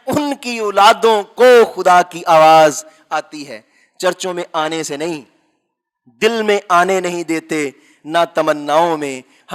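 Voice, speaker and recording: High-voiced man preaching a tinged sermon. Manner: preaching with rhetorical questions to the congregation; swings between loud emphatic bursts and low quiet asides. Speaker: pastor.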